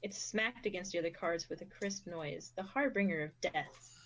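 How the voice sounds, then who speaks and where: A young woman narrating an amateur fan fiction reading with steady, expressive delivery. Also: fairly low pitch, normal speed, slight background noise. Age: young adult.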